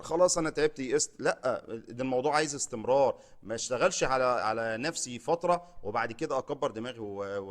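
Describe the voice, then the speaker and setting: A man with an Egyptian Arabic accent talks viewers through a beginner lesson at a quick clip. His voice sits at an ordinary middle pitch. He keeps it chatty and direct, checking in with the audience after nearly every point. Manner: chatty, repeats "تمام؟" often, direct address to viewers. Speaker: English teacher, channel host. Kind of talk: casual spoken lesson to camera.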